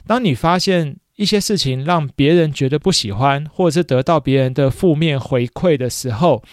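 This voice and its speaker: A man's voice: fairly high pitch, no room sound, studio quality. Chatty male teacher podcaster. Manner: chatty, reflective, frequent laughs and "对" fillers. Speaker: podcast host and schoolteacher. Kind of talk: casual solo podcast monologue.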